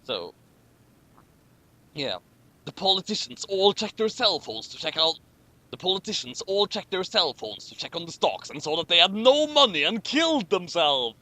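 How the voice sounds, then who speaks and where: Very animated and speaking at normal speed, the man delivers the fan fiction in a high, bright, forceful voice. He reads the story aloud as a co-host, commenting on it casually and with amusement along the way.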